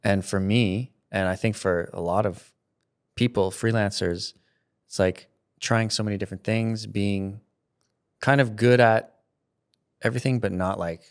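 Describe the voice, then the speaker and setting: Smooth and fairly low, his voice holds a steady tone and moves a little slowly. He's a thirtysomething content creator appearing as a relaxed interview guest who rambles, restarts his thoughts, and laughs frequently, captured through a studio mic and headphones.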